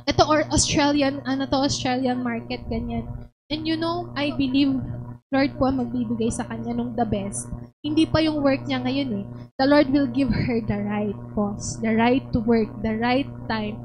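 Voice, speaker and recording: A woman's voice: high voice, moderate pace, low-quality recording. A woman pastor preaching a sermon, switching between two languages and acting out people's prayers as she tells a story. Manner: mixes Tagalog and English, acts out quoted prayers.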